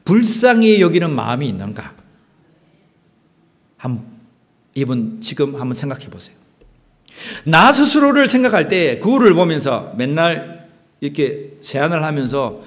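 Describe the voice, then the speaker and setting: A male pastor with a Gyeongsang Korean accent, delivering a sermon and asking the congregation rhetorical questions. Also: a little high.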